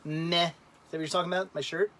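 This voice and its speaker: Thirties male co-host, slightly high voice, loose and giggly, lots of restarts. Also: little pitch movement, fast talker, a bit bright, a little hiss or hum. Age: 30s. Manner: rambling, laughs often, many restarts. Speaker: livestream co-host. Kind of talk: casual chat.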